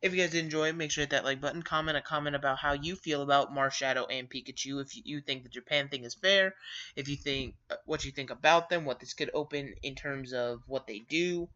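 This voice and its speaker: Bright-voiced man with lo-fi sound. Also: mid-range voice, brisk. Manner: rambling, many fillers and self-corrections. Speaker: gaming news host. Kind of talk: casual video-game news commentary. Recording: dull lo-fi sound.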